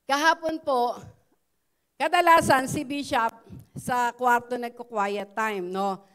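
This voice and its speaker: A middle-aged woman with a Filipino accent tells her testimony to a congregation in a loose, chatty way. Her voice sits a little high for a woman, and she keeps checking in with her listeners through the story. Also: steady tone, slow pace, a bit bright, clean tone. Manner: conversational, frequent "no?" tags and fillers. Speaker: church member giving testimony. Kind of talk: spoken testimony in church.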